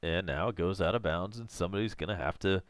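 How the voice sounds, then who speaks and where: A man doing live play-by-play of a soccer match, going a little hoarse. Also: low-pitched, quick pace, no echo. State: losing his voice. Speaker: live reaction host. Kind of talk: live game commentary.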